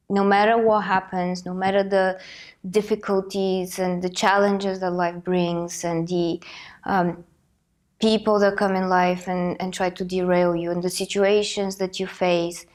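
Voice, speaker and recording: With a darkish tone and flat delivery, this woman speaks a little slowly in a mid-range voice. She's a Bulgarian host in her thirties giving a motivational talk despite a cold, reflecting earnestly and thinking out loud.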